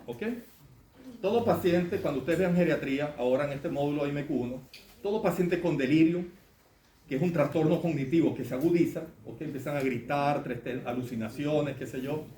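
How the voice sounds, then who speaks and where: A man's voice: on the high side, fairly quick, mellow. A man lecturing medical students on clinical cases, conversational and often asking the class questions. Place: lecture hall. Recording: echoey classroom, faint room noise.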